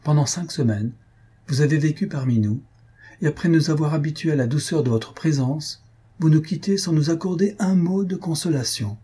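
A lovesick young student in a storybook, played by a male reader, pleading and reproachful. The voice stays mellow with a slightly husky grain. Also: fairly low pitch, normal speed.

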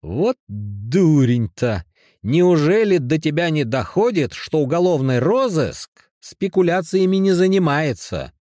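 A man voicing a gruff, impatient male police detective who raises his voice sharply. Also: fairly high pitch, sing-song, measured pace, mellow, dry recording, clean studio sound, voice pushed up. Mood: exasperated.

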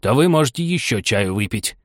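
A man's voice: medium pitch, animated, brisk, no echo, natural voice. Guy reading as a moody argumentative hatter, slightly raised sing-song voice, dry. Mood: smug. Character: gloomy eccentric male hatter, argumentative. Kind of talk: audiobook character reading.

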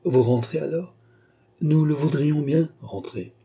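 A man's voice: a little high, unhurried, warm tone, husky, pitched above the performer's own voice. A man doing a frightened, indignant queen. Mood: exasperated. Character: distressed young queen, proud and frightened.

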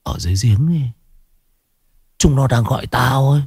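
A man's voice: mid-range voice, animated, normal speed, creaky, a little mellow, slightly rough, no echo, clean studio sound, pitched above the performer's own voice. A man voicing a possessed old village man who mutters coldly and menacingly. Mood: eerie, menacing.

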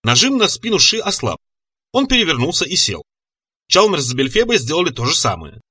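A man narrating an audiobook with expressive storytelling. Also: fairly high pitch, fairly quick, husky, dry recording. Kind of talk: scripted narration.

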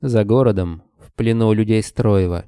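A man voicing a calm, terse male rat creature who hisses and speaks in short clipped phrases. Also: lowish voice, normal speed, clean tone, no room sound, studio quality, close to an everyday voice.

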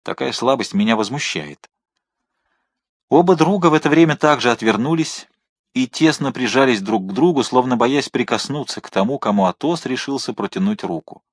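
A male narrator reads an adventure novel with expressive, dramatic delivery. His voice sits at an average pitch, and the recording is dry and close with no room sound. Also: brisk, no room sound. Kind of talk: audiobook narration.

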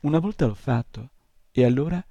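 A man doing a shy, quiet little boy. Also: medium pitch, lively intonation, fairly quick, vocal fry, breathy edge, no room sound, dull audio, voice pushed up. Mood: timid. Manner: quiet, hesitant. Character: shy, timid young boy.

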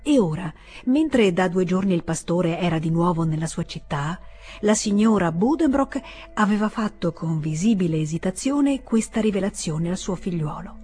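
A woman narrating a literary audiobook in a measured, even way. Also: on the low side, husky. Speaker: audiobook reader.

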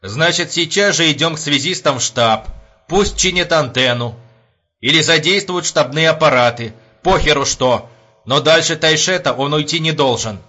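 A man's voice: mid-range voice, moderate pace, sharp tone, slightly rough, muffled recording. A man voicing a furious, foul-mouthed army major who barks orders in an audiobook. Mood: angry. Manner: barking, commanding.

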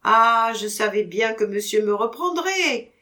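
A deferential young manservant from an old storybook, played by a woman reading aloud, humble and eager to please. His short answers come out soft and a touch lower than the reader's own voice, bobbing in pitch. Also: big pitch swings, unhurried. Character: young male servant, meek and eager. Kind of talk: audiobook character reading.

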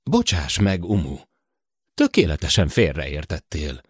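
A man's voice: rumbling low, huge pitch swings, husky, dry recording, clean studio sound, exaggerated voice. A man voicing a courteous, curious human explorer who asks probing questions in an audiobook. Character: polite, curious, calm human male explorer.

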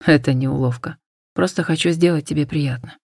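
A woman voicing a husky, tender male lover. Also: low voice, a little fast, dry recording, studio quality, exaggerated voice. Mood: soothing. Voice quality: husky, soft, murmuring. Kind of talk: audiobook reading.

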